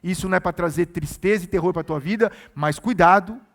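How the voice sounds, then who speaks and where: A man's voice: high voice, a little fast. A male pastor preaching a sermon, earnest and exhorting, repeating his key phrases for emphasis.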